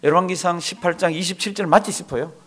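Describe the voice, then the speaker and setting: A male pastor preaching a sermon to a congregation in a church, animated and full of rhetorical questions. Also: sits high, fast, husky. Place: church before a live congregation.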